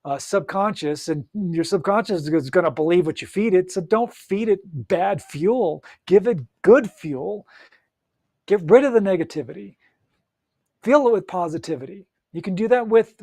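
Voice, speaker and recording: An audiobook coach gives an upbeat, encouraging solo talk directly to the listener, often using fillers and restarting sentences. His voice sits high and sounds warm, and the recording is dry with clean studio sound.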